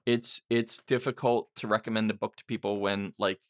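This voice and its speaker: A middle-aged podcast host and writer answers listener questions in a casual, unscripted Q&A, speaking at normal speed in a fairly low, flat voice. He rambles and pokes fun at himself as he thinks aloud.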